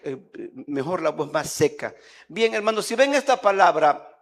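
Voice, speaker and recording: A man's voice: sits high, big pitch swings, normal speed. A man with a Mexican Spanish accent preaching a sermon as pastor, in a conversational way that stops to repeat and count words.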